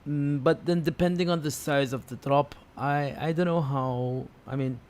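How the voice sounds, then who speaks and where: This man hosts a casual live stream, thinking out loud in a hesitant, unscripted way. His pitch is fairly high, his pace normal and his tone darkish, with clear background noise in the recording.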